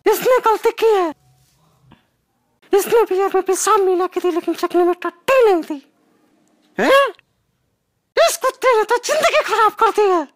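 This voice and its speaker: Feisty shouting mom for a comedy skit, high voice, a woman acting. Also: unhurried, pauses often, dry recording, studio quality. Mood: combative. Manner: brash, quarrelsome shouting. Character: feisty loud-mouthed mother, combative. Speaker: mother defending her son.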